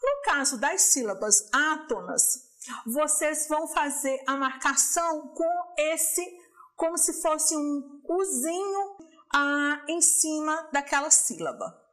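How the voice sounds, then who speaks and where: Expressive and fairly bright, a high female voice with a Brazilian Portuguese accent walks distance learners through poetic meter. The teacher takes it slow and deliberate, building the explanation step by step.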